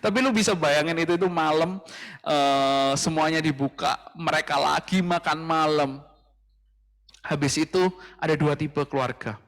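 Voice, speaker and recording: Man preacher, casual youth sermon, slightly high voice. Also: moderate pace, a bit bright, in a large hall. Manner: casual, mixing in English phrases, addressing "guys". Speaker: youth pastor. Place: church livestream.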